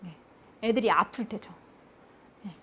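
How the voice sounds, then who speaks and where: A woman gives an afternoon sermon in church, asking the congregation questions and answering them herself with a steady "yes." Her voice is mid-range and her pace measured, with slight background noise.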